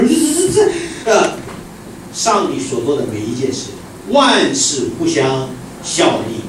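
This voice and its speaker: A male pastor delivers an animated sermon, his pitch swinging widely and somewhat high. He moves from loud exclamations down to hushed, quiet lines. The recording is from a distant mic in a very echoey church hall, with clear background noise.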